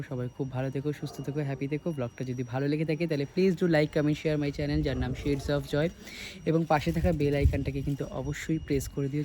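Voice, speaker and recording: A man from India with a Kolkata Bengali accent, both a vlogger and a dance teacher, rambles through a casual vlog chat sprinkled with English phrases. His medium-pitched voice is warm, and there is a little hiss or hum in the recording.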